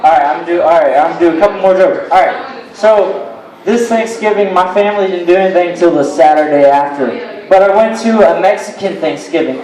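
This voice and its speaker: A man's voice: high-pitched, a little mellow, roomy sound, low-quality recording. A young man doing a rambling, crude, self-mocking stand-up set at an open mic in a bar. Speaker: stand-up comedian. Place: bar with a live crowd.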